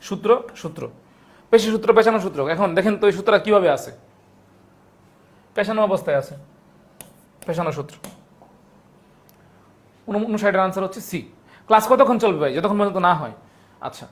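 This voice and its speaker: A young Bangladeshi man runs a live online biology class, working through exam questions. He repeats each point several times and reads out viewers' names from the comments, and his voice sits high.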